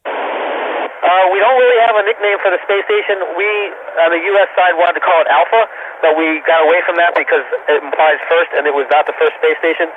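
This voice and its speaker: A man answering students' questions over a ham radio link from a space station, in calm, plain-spoken answers that each end with "over". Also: fairly high pitch, a little fast. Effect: heard over a ham radio link from space, ending each answer with "over". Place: aboard a space station, with fans and a treadmill nearby. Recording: tinny radio downlink with loud static.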